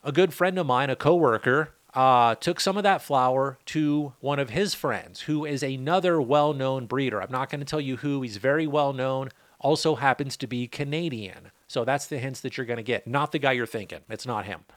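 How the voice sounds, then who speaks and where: A laid-back middle-aged man hosts a podcast, chatting and rambling loosely with joking asides; he's a cannabis grower. His mid-range voice moves at a moderate pace with hardly any pauses, captured dry on a close mic.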